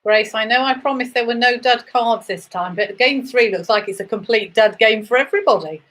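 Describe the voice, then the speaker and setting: Woman bingo caller, higher-pitched voice. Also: fairly quick, a bit bright. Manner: sing-song number calls, repeating each number. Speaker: bingo caller hosting a charity game. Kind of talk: bingo calling with rhymes and chatty asides.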